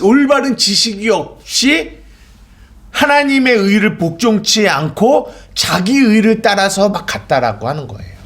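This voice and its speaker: A man's voice: high-pitched, fairly bright tone. A man preaching a sermon in a church, asking the congregation questions and answering them himself. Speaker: pastor.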